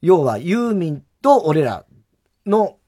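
A man hosting a radio talk show, chatting casually and telling an animated story with stammering restarts and laughs. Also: on the high side, takes it slowly, slightly rough. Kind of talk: casual chat.

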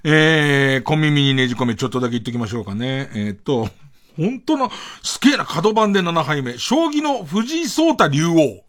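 A man's voice: a little high, sing-song, moderate pace, a bit bright. A man hosting late-night radio in a casual comic monologue, rambling with asides and exclamations.

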